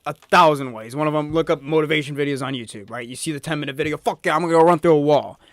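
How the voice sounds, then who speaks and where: In his early twenties, a podcast co-host talks earnestly in casual conversation, swearing often and repeatedly asking "right?" His voice is slightly high and racing, captured in a dry recording.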